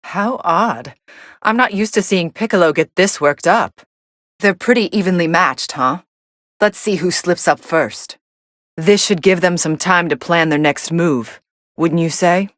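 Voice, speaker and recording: A woman playing a cool, sardonic young female android who commentates on fights in a video game, deadpan, dry and aloof. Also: fairly low pitch, a little slow, no echo. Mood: cool, unimpressed.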